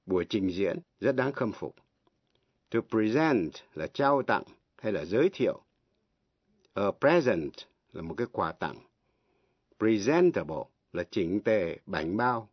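A man teaching English on the radio, giving each word and example slowly, spelling words out letter by letter and translating them. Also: lowish voice, very animated, breathy edge, no echo. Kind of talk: slow, deliberate language lesson. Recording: dry, dull lo-fi radio broadcast.

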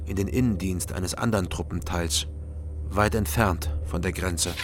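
Over some background noise, a man speaks at a normal pace in a low voice. He's an actor voicing a troubled former East German policeman who narrates his own story in a radio crime drama, his delivery restrained and brooding and the mood sombre.

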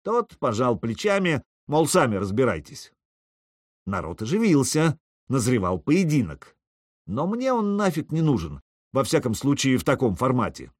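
A man's voice: medium pitch, wildly swooping pitch, normal speed, no room sound, studio quality. Wry male audiobook narrator. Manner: wry, ironic. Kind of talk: first-person audiobook narration.

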